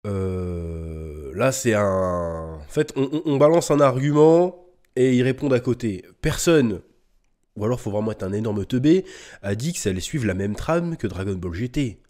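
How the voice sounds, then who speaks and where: A man's voice: fairly low pitch, moderate pace. A man hosting a casual news reaction video, talking informally and ranting with indignant outbursts. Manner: animated, ranting, rising to indignant peaks; informal slang and swearing. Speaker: host.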